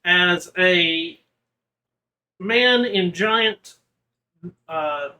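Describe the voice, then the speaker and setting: Game master, man, high bright voice, slow, halting delivery. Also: low-quality recording. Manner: halting, describes with many fillers. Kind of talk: narrating a tabletop game.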